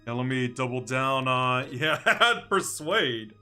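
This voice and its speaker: A man's voice: mid-range voice, expressive, slow pace, pushed and bright, clear, resonant tone, faint music behind. A man casually commentating on a game livestream, thinking aloud and muttering to himself in short phrases. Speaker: game streamer.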